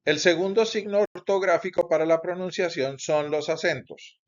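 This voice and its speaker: A man teaching Bible Greek in a recorded lecture, explaining slowly and deliberately with pauses and self-corrections. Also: a little high. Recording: dull lo-fi recording.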